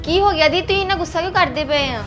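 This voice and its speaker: Casting: a woman as a polite, eager-to-please young bride, high and quick, music behind. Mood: placating. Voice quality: polite, explaining, meek. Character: mild, eager-to-please young sister-in-law. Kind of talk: short film acting. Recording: acted scene with music behind.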